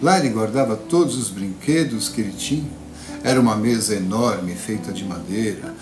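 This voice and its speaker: A man telling a classic fairy tale to children, playful and dramatic, with long pauses. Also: fairly low pitch. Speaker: storyteller. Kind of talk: children's storytelling performance. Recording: echoey room with guitar music.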